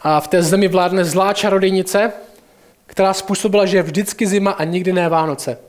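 Guy preaching, chatty sermon, talks to the crowd, pretty high voice. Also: steady tone. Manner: conversational, asks the listeners directly.

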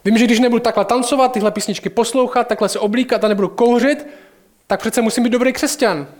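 A man's voice: very high-pitched, steady tone. A man preaching a sermon in a conversational way, addressing listeners directly.

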